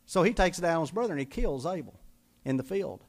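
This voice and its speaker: A man's voice: on the high side, lively intonation, fast. A man preaching a sermon as pastor, emphatic and full of repeated rhetorical questions.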